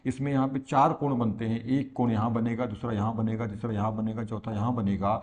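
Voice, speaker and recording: A male maths teacher from India explains at a board, patient and repetitive. He keeps asking the class rhetorical questions and answers them himself. His voice sits at an ordinary middle pitch. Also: flat delivery, fairly quick, a little mellow, lo-fi sound. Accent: Hindi-speaking India.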